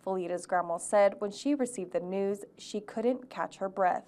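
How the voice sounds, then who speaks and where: A young woman, a TV news reporter, reading a measured news package. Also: medium pitch, dark tone. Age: young adult. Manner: measured, clear reporter delivery.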